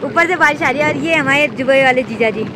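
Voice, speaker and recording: A woman's voice: high voice, fast talker, background noise. A woman hosting a casual family vlog, chatty and teasing, talking to her viewers. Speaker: vlogger host. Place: family home in the hills, rainy day. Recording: busy household chatter behind.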